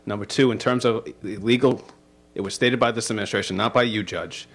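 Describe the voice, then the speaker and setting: A man presiding over a formal council meeting as its president, stern and insistent, his calm turning to anger. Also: on the low side, brisk. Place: city council chamber.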